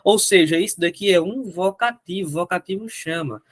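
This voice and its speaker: A man's voice: high voice, moderate pace, no echo. A man with a Brazilian Portuguese accent teaching an online grammar lesson, asking questions and answering them himself, with a strained throat.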